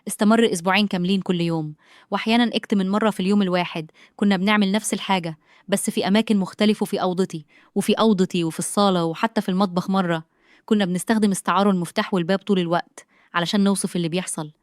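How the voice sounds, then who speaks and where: A woman's voice: medium pitch, steady tone, very fast, dry recording, studio quality. A woman with an Egyptian accent narrating a first-person audio story in a confessional way. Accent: Egyptian Arabic.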